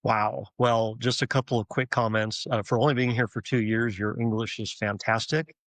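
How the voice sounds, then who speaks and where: A man's voice: on the low side, steady tone, normal speed, a bit bright, no echo, rough recording. A man hosting a podcast interview, reading a scripted intro and then asking questions in a casual way. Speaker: podcast host.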